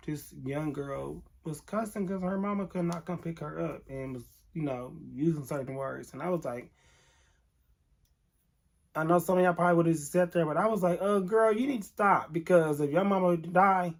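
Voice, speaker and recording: A man's voice: fairly high pitch, vocal fry, darkish tone. A man vlogger telling an emotional storytime to camera, candid and earnest, talking straight to his viewers.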